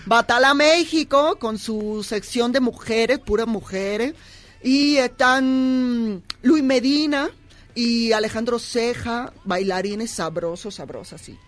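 Flamboyant high-voiced man with a put-on accent. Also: slow, a bit bright. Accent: put-on foreign accent. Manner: flamboyant, calls everyone "papi", puts on a foreign accent. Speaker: cabaret performer guest. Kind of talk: playful comedic promo chat.

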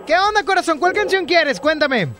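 High-voiced Mexican radio host. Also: male voice, lively intonation, normal speed. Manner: playful, teasing, jokey. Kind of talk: casual radio call-in chat. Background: music playing.

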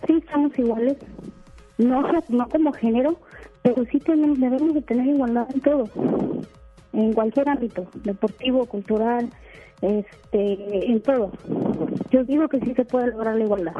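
A woman's voice: on the high side, moderate pace. A woman calling in to a radio show over the phone, steadily listing her points. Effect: phone call heard over a radio broadcast. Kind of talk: call-in opinion on air. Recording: tinny phone line with faint music.

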